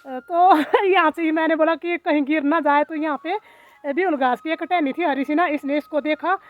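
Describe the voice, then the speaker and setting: A woman's voice: high voice, moderate pace, phone-quality sound. A woman vlogger with a Mandyali-tinged Hindi accent, chatting casually outdoors at her hillside village farm, full of fillers. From Himachal Pradesh, India. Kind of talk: casual vlog narration.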